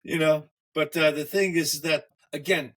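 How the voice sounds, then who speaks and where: Male co-host, bright and forceful voice, somewhat high, opinionated casual chat. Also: steady tone, measured pace. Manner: opinionated, emphatic.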